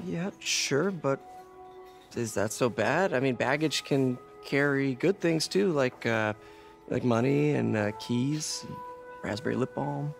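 A man's voice: medium pitch, measured pace, vocal fry. A man playing an earnest, kind young American superhero in a video game, with a hesitant, boyish, self-effacing way of talking. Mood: nervous, awkward. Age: young adult. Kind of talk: cinematic video game acting. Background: background music.

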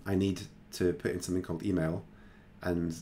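A man hosting a screen-recorded software tutorial, talking casually and thinking aloud with plenty of fillers. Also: sits low, level tone, a little fast, slight background noise. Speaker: tutorial host.

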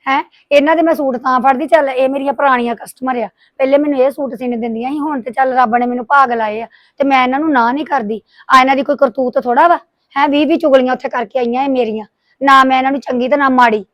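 A woman playing a tailor with young children who feels wronged by her gossiping neighbors, complaining in a rapid, indignant way. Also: high voice, fairly even intonation, a bit bright, no room sound. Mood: aggrieved. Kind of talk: domestic drama acting.

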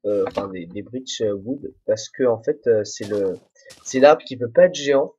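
In a fairly low, mellow, slightly rough voice with lively intonation, a young man provides casual solo commentary on his gameplay at a moderate pace. He talks to himself, wanders off on tangents, and jokes at his own expense. It's a muffled, dull home recording from a desk microphone without headphones.

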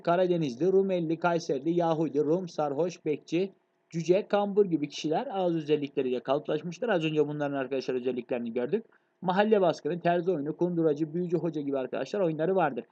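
A man's voice: on the high side, mellow, lo-fi sound. A man teaching an exam review lecture on literature, addressing his students directly and often checking that they follow. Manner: fast, addresses students as friends, frequent checks.

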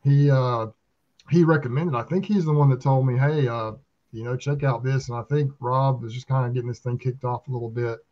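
Speaking fairly quickly in a steady, medium-pitched voice, a Southern American man in his fifties swaps folksy stories in casual chat. He's a beekeeper who hosts a video channel, calling in from a small room at home, and the video-call sound is a bit dull.

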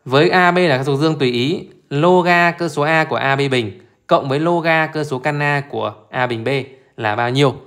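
A man's voice: a little high, a little fast, a bit bright. A man teaching math as he walks through an exam live, chatty and informal, constantly repeating short check-in questions to his listeners. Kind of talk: live exam solution walkthrough.

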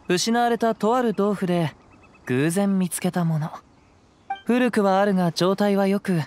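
Gentle young samurai, archaic speech. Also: male voice, high voice. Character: gentle, poetic young wandering male samurai. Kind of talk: scripted game dialogue. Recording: clean voice over background music.

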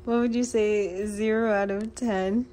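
Recorded from a few steps off by a camera or phone, a woman in her twenties narrates a casual cooking vlog in her small home kitchen. Her mid-range voice is warm and fairly even, a little slow, and the distant mic captures plenty of kitchen noise.

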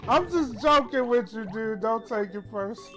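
A woman streaming a level-building platform game, commenting live in an excitable, joking way and laughing often. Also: on the high side, normal speed, faint music behind.

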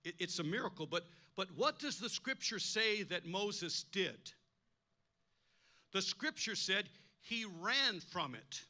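In a church, an older male pastor preaches a sermon, telling a personal story with emphatic delivery, often repeating words and acting out the voices he quotes. His voice is high, bright, and forceful, very animated, though he takes his time.

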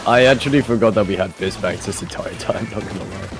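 A man playing an online game alongside a friend, chatting casually, excitable and quick to yelp and laugh. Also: sits low, music in the background. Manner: excitable, yelps and laughs during play. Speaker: co-player. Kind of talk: casual gaming chat.

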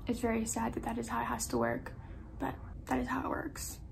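A woman's voice: fairly high pitch, completely flat delivery, brisk, gravelly, slight background noise, rough recording. A young woman with a slight lisp, chatting casually at home while getting ready, rambling and self-deprecating. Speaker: vlogger. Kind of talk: casual get-ready-with-me chat. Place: at home, indoors.

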